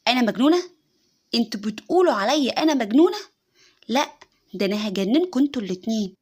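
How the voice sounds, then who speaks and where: A woman doing a shrill, unhinged young wife. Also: expressive, quick pace, breathy edge. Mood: threatening. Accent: Egyptian Arabic. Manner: shrill threats, loud and frantic.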